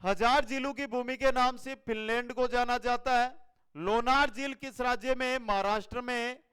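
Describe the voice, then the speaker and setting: High-voiced, energetic Hindi teacher, Rajasthani accent. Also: male voice, moderate pace, clear, resonant tone. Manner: energetic, repeats answers, addresses viewers as friends. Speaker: online exam-prep teacher. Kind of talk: fast quiz-style lesson.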